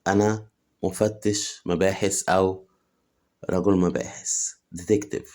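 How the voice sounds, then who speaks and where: A man from Egypt with an Egyptian Arabic accent, teaching English vocabulary. He says each English phrase slowly, then gives the Arabic meaning quickly. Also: on the low side, a little mellow. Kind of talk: vocabulary lesson.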